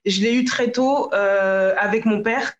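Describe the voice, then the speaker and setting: A woman's voice: medium pitch, fairly even intonation, a little slow, roomy sound, muffled recording. A woman from France, a podcast guest, talking casually and hesitantly with many fillers. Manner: hesitant, many fillers and restarts, laughs easily. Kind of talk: casual interview chat.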